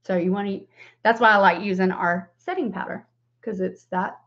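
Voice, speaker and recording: A muffled, lo-fi webcam recording of a woman with a Southern American drawl. She hosts a casual makeup livestream in a mid-pitched voice, informal and rambling, chatting directly to viewers. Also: steady tone, normal speed, a bit bright. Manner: informal, rambling, self-deprecating asides. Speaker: beauty livestream host and makeup seller. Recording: dull lo-fi webcam stream.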